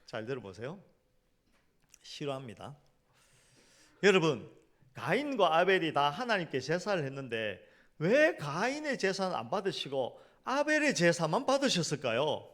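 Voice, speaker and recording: A middle-aged male pastor preaching in a church, telling humorous stories and then building to loud, emphatic points. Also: on the high side, sing-song, normal speed. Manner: swings from hushed storytelling to loud emphatic preaching. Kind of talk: sermon with storytelling. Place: church sanctuary.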